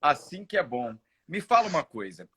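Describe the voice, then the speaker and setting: Male interviewer, a touch high-pitched, easygoing and chatty. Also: normal speed. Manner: relaxed, reminiscing, with filler hesitations. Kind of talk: conversational interview.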